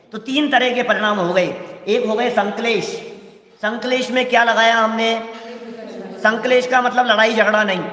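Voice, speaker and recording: A male preacher expounding scripture in a high, bright voice. He is emphatic and keeps firing questions at the listeners. His voice rings out in an echoey hall with a long reverb. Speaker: preacher explaining Jain scripture. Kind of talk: scripture discourse.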